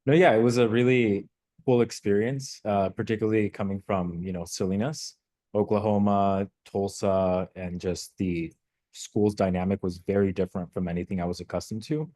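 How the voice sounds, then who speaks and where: A young Mexican man who serves as a local elected official tells his own story in an interview, answering thoughtfully and measuredly with small filler words. His voice is low, deep, dark, and mellow, and his tone stays steady.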